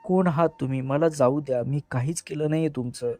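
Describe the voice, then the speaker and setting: A man's voice: a little high, fairly quick, a little mellow, soft background music, lightly acted. A man voicing a frightened young woman college student, pleading tearfully in an audio story.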